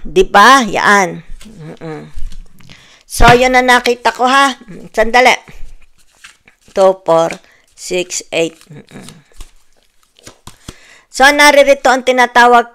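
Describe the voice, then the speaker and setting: A woman's voice: on the high side, a bit bright, clear, resonant tone. A woman with a Filipino accent giving a casual tarot reading, chatty and full of "di ba?" tags, mixing Tagalog and English. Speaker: tarot reader.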